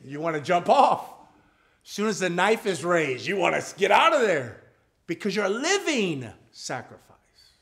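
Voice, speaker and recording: A man preaching in a church, his voice sitting a little high for a man. He rises to loud lines of King James scripture, then drops to a near hush. He keeps asking his listeners questions. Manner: asks the congregation questions. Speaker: guest preacher. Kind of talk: sermon. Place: church sanctuary.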